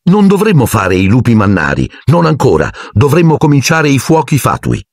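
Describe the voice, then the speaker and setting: A man voicing an eager, hurried know-it-all schoolgirl in an audiobook. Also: medium pitch, huge pitch swings, no room sound, studio quality, voice pushed up.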